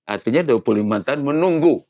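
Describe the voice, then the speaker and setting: A man's voice: mid-range voice, animated, quick pace, crowd noise. A man in his sixties, a retired navy admiral, explaining patiently in a casual interview and posing rhetorical questions. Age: 60s.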